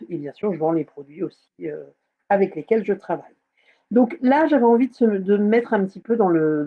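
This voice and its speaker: A woman hosting a casual live craft tutorial, chatting with many fillers and hesitations. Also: lowish voice. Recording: slightly dull lo-fi sound.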